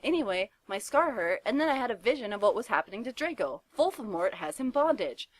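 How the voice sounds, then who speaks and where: A woman voicing a frantic teenage boy vampire wizard, shrill and panicky, in a dramatic fanfiction reading. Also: big pitch swings, fairly quick, dry recording.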